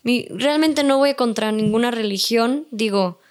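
A talkative Mexican woman as a podcast guest, her voice sitting a little high. She chats freely and drops into little impressions of the people in her stories. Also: unhurried. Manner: chatty, acts out quoted voices. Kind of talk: casual podcast chat.

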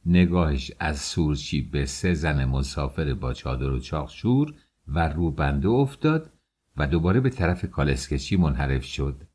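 Deep husky male audiobook narrator. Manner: expressive storytelling.

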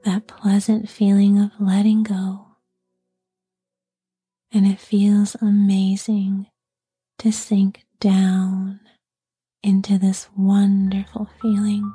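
Breathy woman doing sleep story narration, super slow n soothing, really dark soft tone, quiet music behind. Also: medium pitch, completely flat delivery. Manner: slow, soothing, repetitive lulling delivery.

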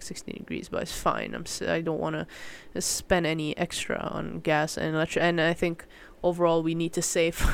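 A young Malaysian adult with a smooth, mid-range voice hosts a podcast alone, chatting casually. The talk rambles informally, often breaking off and restarting, with some mild slang.

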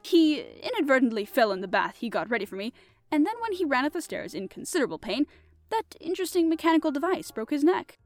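A woman reading an audiobook voices a young gentleman adventurer who speaks in a dry, lazy, teasing manner. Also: high voice, big pitch swings, quick pace, faint music behind, voice pushed up. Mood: cool.

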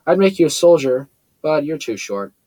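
A man's voice: a little high, very animated, moderate pace, dark tone, no room sound, rough recording. A man voicing a cold, severe adult woman villain who sounds soothing over steely menace, in a storybook reading. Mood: taunting.

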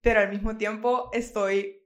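A woman's voice: mid-range voice, level tone, moderate pace. Earnest woman in casual podcast chat. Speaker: podcast co-host.

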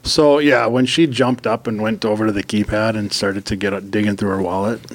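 A man telling a story in casual chat, exasperated, swearing freely, and animated as he rants. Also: on the low side, moderate pace, a little hiss or hum.

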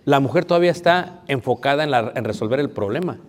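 A man's voice: mid-range voice, expressive, fast. A man preaching a marriage sermon, conversational and playful, asking the audience questions. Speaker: pastor. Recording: long reverb of a hall.

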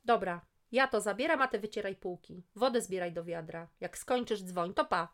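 A woman voicing a loud, bossy middle-aged woman who snaps out orders. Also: medium pitch, close to an everyday voice. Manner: shouting orders, brisk.

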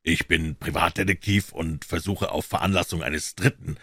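Man reading calm sarcastic detective, deep voice, measured, dry close sound. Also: no echo. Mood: cool, ironic. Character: calm, dryly ironic male detective.

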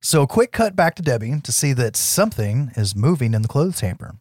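A man's voice: medium pitch, sing-song, brisk, a little mellow, no echo, studio quality. A man co-hosting a podcast, telling a film's scenes in casual, profane language. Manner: profane, informal storytelling. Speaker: podcast co-host. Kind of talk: casual scene-by-scene film recap.

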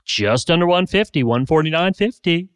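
A man co-hosting a podcast, chatting casually and reading a playful, animated sales pitch. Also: normal speed, smooth, no room sound. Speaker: podcast co-host. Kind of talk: casual podcast chat with ad read.

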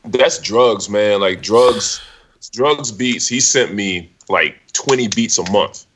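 A relaxed man from Brooklyn talks about his music as a guest. His voice is very low, with faint noise behind it. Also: slow. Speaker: rapper guest. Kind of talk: casual interview chat. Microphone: video call setup.

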